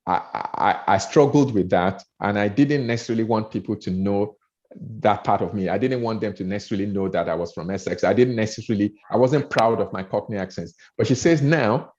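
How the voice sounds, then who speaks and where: In a muffled, dull lo-fi recording, a speaker trainer with a Nigerian accent gives a coaching talk on public speaking. His low voice is brisk and a little mellow, and he is earnest, repeating words and restarting often, with rising emphasis on key points.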